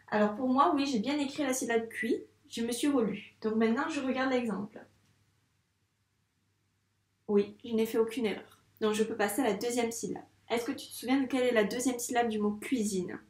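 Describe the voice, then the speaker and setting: A primary school teacher, a young woman with a slightly high voice, patiently guides young children through handwriting. She asks them questions and then answers those prompts herself, and the sound is roomy.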